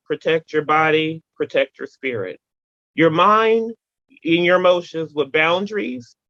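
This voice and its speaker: A woman guest in a casual interview, telling animated stories with emphatic repetition and playful sound effects. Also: on the low side, no echo, muffled recording.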